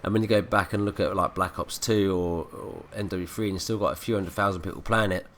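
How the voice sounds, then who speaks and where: A man's voice: low-pitched, steady tone, fast talker, a bit bright. A man with a blocked nose from a cold, ranting and swearing through gameplay commentary. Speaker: gaming commentator. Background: faint background music.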